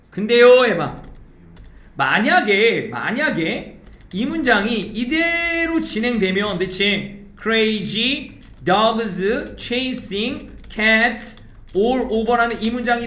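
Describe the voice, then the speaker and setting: A male teacher gives an English grammar lecture in a high, bright voice. He drills the class with call-and-repeat prompts and keeps checking whether they follow. The sound carries a roomy echo. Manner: keeps checking understanding with tag questions.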